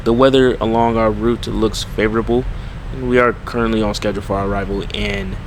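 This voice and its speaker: A courteous airline captain, played by a man, gives a formal in-flight announcement in a low voice. Clear rumbling aircraft noise sits behind the polite, scripted delivery. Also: fairly even intonation, fairly quick, lightly acted, low-quality recording. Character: courteous male airline captain addressing passengers. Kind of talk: airport-style in-flight announcement.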